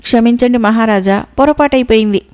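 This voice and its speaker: A woman's voice: on the high side, fairly quick, a little mellow, smooth, lightly acted. A woman voicing a meek, hungry male army commander who speaks timidly and apologetically in a storybook.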